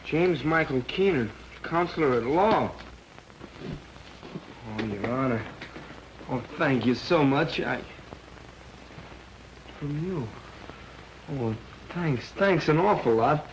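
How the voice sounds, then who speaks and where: An actor playing a humble, grateful young man who hopes to practise law, speaking earnestly and haltingly in 1930s film style. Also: on the high side, animated. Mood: moved, grateful. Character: humble, grateful young male aspiring lawyer. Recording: noisy, hissy 1930s film soundtrack.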